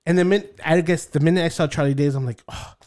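A man chatting casually and eagerly, telling stories and trailing off into fillers. His voice sits a little high for a man. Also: fairly even intonation, fast, darkish tone. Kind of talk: casual chat.

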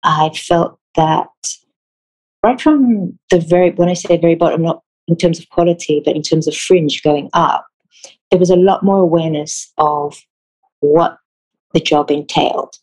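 In a poor-quality recording, this Israeli woman speaks in a low, slightly mellow, husky voice. She works as a theatre designer and responds to an interviewer with careful thought, stopping and fixing her words as she goes.

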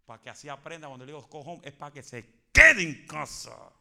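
Gravelly high-pitched preacher. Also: male voice, sing-song, fairly quick. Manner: builds to shouted fervent preaching, mixes in English phrases. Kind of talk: Pentecostal sermon.

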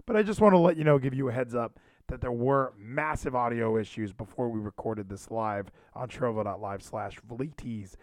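A man's voice: medium pitch, no echo, studio quality. A man hosting a podcast in casual, rambling chat, often interrupting and repeating himself. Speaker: podcast and livestream host. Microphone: handheld microphone.

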